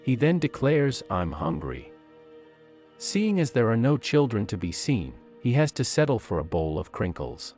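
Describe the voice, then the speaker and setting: A man's voice: low voice, a little mellow. A man reading scripted countdown narration in a documentary style. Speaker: video narrator. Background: faint-to-clear background music.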